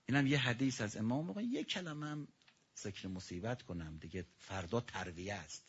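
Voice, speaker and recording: Husky-voiced man preaching with dramatic swings. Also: medium pitch, animated. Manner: dramatic swings between loud and hushed; addresses the audience directly. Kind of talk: sermon with mourning elegy. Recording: dull lo-fi recording.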